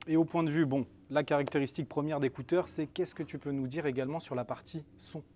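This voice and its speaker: A man's voice: on the high side, fairly even intonation, fast talker, darkish tone, slight background noise. A man hosting a live, casual product interview, asking informal, slightly rambling questions. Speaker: host and interviewer, store salesperson.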